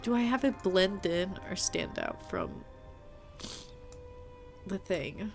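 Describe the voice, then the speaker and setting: A woman's voice: medium pitch, slow pace, gravelly, faint music behind. A woman live-streaming a game, chatting casually and playfully, teasing her viewers and poking fun at herself. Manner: animated, with frequent filler "like" and mild swearing.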